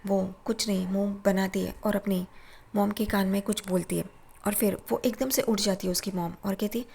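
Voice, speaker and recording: A woman's voice: mid-range voice, steady tone, moderate pace, gravelly, darkish tone, husky. A woman recapping a TV serial episode, reading out every character's lines in her own plain voice. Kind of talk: recap narration with quoted dialogue.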